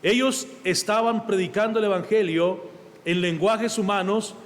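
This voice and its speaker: A Mexican pastor with a fairly high, light voice delivers a sermon, chatting with his flock and calling them "brother". His voice rings out with a long echo through a church hall. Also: moderate pace. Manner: conversational, keeps addressing the congregation as brother.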